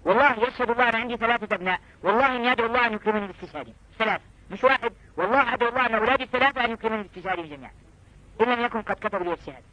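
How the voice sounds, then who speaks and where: A man's voice: extremely high pitch, very fast, bright, forceful tone, muffled recording. A man preaching fervently to an audience, pressing them with rhetorical questions.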